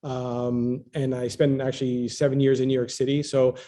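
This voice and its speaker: A man's voice: medium pitch, level tone, moderate pace, warm tone. A man from Philadelphia on the US East Coast, a business development executive, talking through his career on a panel in an upbeat, driven way. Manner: upbeat, self-described type A. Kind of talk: panel interview answers.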